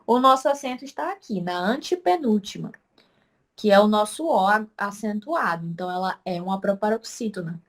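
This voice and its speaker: Female teacher for a recorded online class, mid pitch, walks through examples, punches out syllables. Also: expressive, moderate pace. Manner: explains step by step, answers her own questions; stresses syllables loudly to demonstrate. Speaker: Portuguese language teacher.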